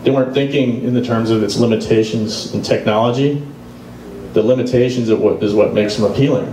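A middle-aged man runs a casual live guitar clinic in a music store, talking into a handheld mic in a steady, mid-range voice and pausing to play examples as he explains. The sound is roomy and distant, with guitar playing and general noise in the background.

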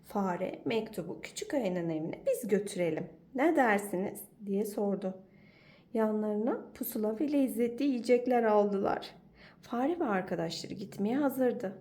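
A woman teacher reading a children's storybook aloud in an expressive, animated way. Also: medium pitch, a little slow.

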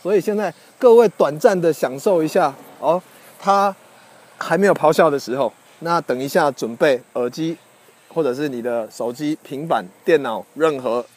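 Guy livestreaming his dogs outside on a phone, goofy announcer voice, high pitched, lots of whooping. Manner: mock-announcer hype, loud whoops and laughter. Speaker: host of a pet livestream. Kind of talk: playful livestream commentary. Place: outdoors with dogs. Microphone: handheld phone on a stabilizer.

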